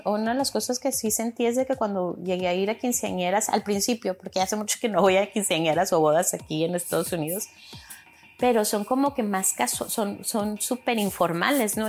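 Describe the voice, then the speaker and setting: Chatty woman podcaster. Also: medium pitch. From Chihuahua, Mexico. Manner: rambling, many fillers, acts out quotes. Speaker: podcast host. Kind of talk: casual monologue.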